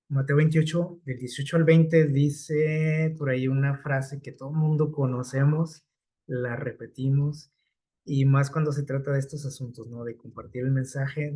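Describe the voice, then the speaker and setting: Man preaching with a warm, dark voice. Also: medium pitch. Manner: conversational, checks in with frequent rhetorical questions. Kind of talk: sermon.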